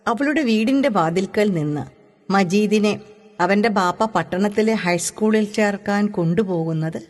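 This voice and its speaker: A woman narrating a novel chapter in a measured, expressive reading voice. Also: mid-range voice. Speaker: audiobook reader. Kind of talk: storybook reading. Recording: long reverb.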